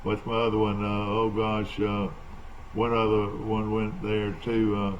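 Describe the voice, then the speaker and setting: A man's voice: on the low side, monotone, highs cut off, slight background noise. Rambling man in his seventies hosting. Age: 70s. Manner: rambling, halting, many fillers and restarts. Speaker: talk show host. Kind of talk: casual interview on local live TV.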